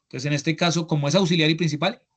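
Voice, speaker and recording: A Colombian-accented man leads an online language class over a computer mic. His voice sits a little on the high side as he explains grammar step by step. He keeps checking in with the students as he goes. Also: steady tone, fast talker. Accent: Colombian Spanish. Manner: explanatory, often checks in with "¿listo?". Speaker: English instructor. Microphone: computer mic on a video call.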